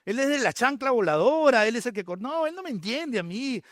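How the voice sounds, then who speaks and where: A man's voice: very high voice, big pitch swings, fairly quick, dry recording, studio quality, voice pushed up. A man voicing a defiant teenage son who complains that his father does not understand him, in a whiny, aggrieved tone.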